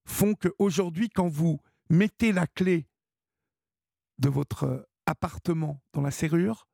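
A man's voice: fairly high pitch, takes it slowly, vocal fry, dark tone, no echo, studio quality. A man hosting a late-night call-in radio show, talking in a hesitant, encouraging way with many fillers. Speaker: radio host.

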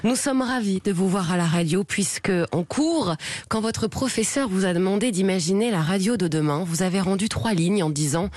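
A woman of middle pitch reads a playful, teasing portrait of a guest on a radio show. Her voice is close and dry, recorded in a studio with no room echo. The delivery is scripted but lively. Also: moderate pace. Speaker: radio columnist.

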